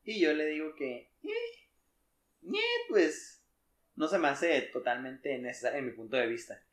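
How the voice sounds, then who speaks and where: A man's voice: mid-range voice, a little fast, roomy sound. A young man with a Mexican Spanish accent co-hosting a casual podcast chat, joking and slangy. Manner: joking, slangy, mimics voices. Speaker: podcast co-host.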